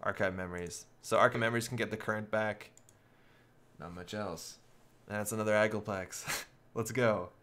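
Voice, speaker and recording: A man's voice: on the low side, fairly even intonation, normal speed, sharp tone. A man giving live, casual commentary on a card game, thinking aloud as he works through each play step by step.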